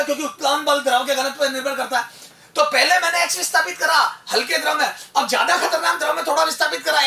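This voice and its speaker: A male physics teacher giving an animated exam-prep lecture, asking rhetorical questions and calling the student son. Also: extremely high pitch, distant mic. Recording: echoey room, voice off-mic.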